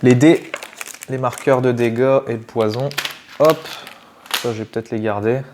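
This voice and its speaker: A man with a French accent chatting casually while opening trading card packs, excitable and given to swearing and sudden shouts. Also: medium pitch, normal speed, noisy background. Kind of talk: casual unboxing chat.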